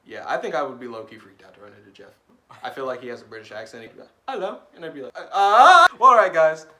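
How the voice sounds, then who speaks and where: A man's voice: fairly low pitch, racing, a bit bright. A young man co-hosting a casual chat, full of sarcastic jokes and banter. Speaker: podcast co-host. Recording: faint noise, faulty mic.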